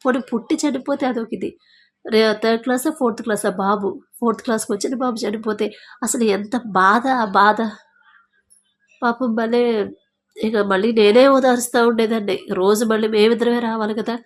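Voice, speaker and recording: A woman's voice: on the high side, steady tone, moderate pace. Woman, emotional church testimony, acts out quoted speech. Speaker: testimony giver. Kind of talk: personal faith testimony.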